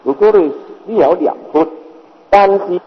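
A man's voice: sits high, a little slow, breathy edge. An older man with a Hokkien-influenced Mandarin accent giving a Buddhist sermon as a master, repeating points and asking rhetorical questions. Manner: repetitive, explains with rhetorical questions. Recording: reverberant, dull lo-fi hall recording.

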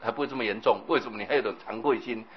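A husky-voiced man delivers a Buddhist sermon. He tells stories with animation and acts out the scenes. The recording sounds dull and lo-fi. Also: on the low side, racing. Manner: animated storytelling, acts out scenes, keeps asking the audience "right?". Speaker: Buddhist preacher.

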